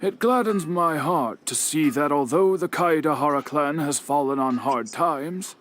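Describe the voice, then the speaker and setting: An actor voicing a patient, dignified old male bladesmith in a video game, speaking in a measured, formal way. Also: a little high, fairly bright tone, a little hiss or hum. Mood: calm. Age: older. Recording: game audio under music.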